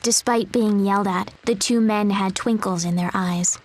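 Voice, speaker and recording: A woman voicing a timid little animal who poses as a girl, narrating a game story in a soft, measured way. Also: medium pitch, fairly even intonation, natural voice, low-quality recording. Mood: wistful.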